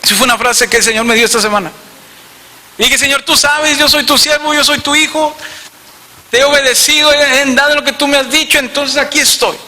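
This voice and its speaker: A man's voice: very high voice, brisk. A man with a northern Mexican accent, a pastor telling a story in a sermon and speaking straight to his congregation. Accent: northern Mexican Spanish. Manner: storytelling, animated, addresses congregation directly. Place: church hall. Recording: reverberant church hall.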